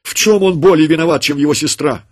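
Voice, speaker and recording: A man voicing a desperate young mother who cries out and pleads to save her son, in a husky voice. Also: on the high side, fast talker, no echo, clean studio sound, pitched above the performer's own voice, close to an everyday voice. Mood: defiant. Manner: pleading and crying out.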